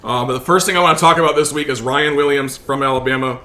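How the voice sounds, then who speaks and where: A man's voice: medium pitch, quick pace, bright, forceful tone. A man hosting a casual sports podcast in an upbeat, promotional way. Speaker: podcast host.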